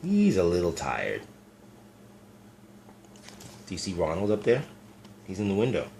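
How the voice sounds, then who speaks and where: Low-voiced man reading a picture book. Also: wildly swooping pitch, gravelly, slight background noise. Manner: gentle, chatty, pauses to point out pictures. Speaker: storyteller.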